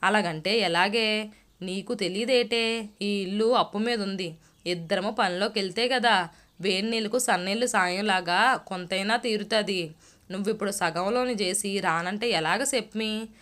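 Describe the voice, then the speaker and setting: A woman reading the part of a jealous village laborer who pleads slowly and softly with his wife. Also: medium pitch, close to an everyday voice. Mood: pleading. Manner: slow, soft pleading.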